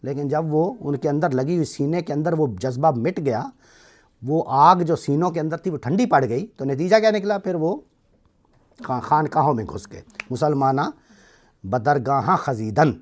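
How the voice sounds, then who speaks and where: Lecturing to a class, a middle-aged man with a Pakistani accent speaks in a fairly high, expressive voice with a darkish tone. He walks through each point methodically and checks in on whether students are following.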